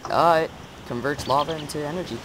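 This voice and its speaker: A man's voice: on the high side, quick pace. A man chatting casually while playing a game with friends, easygoing and narrating what he is doing as he goes. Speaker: player in a game series. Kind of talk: casual gaming chat. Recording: hissy, noisy recording.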